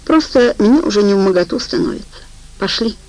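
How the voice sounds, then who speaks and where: A woman's voice: medium pitch, lively intonation, normal speed, darkish tone, natural voice, low-quality recording. A woman reading an audiobook, voicing a foul-mouthed, spiteful young woman who swears and mocks, tired and scornful. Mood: rude, mocking. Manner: coarse, swearing, mocking.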